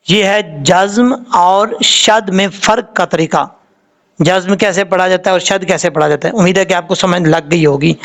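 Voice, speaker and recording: A man's voice: high voice, fairly bright tone. A man with a Pakistani Urdu accent teaching Quran reading, patiently drawing out letter sounds to show how they are said.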